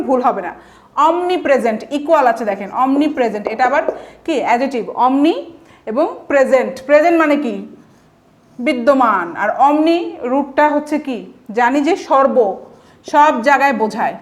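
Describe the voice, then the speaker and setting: Bangladeshi woman teaching vocabulary. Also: high-pitched. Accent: Bangladeshi Bengali. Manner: explains step by step with frequent rhetorical questions. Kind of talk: online exam-prep lecture.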